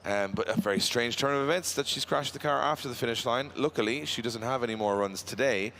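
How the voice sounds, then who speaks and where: A man's voice: medium pitch, quick pace, a bit bright, a little hiss or hum. A man giving live drift commentary, chatty and bantering with his co-host.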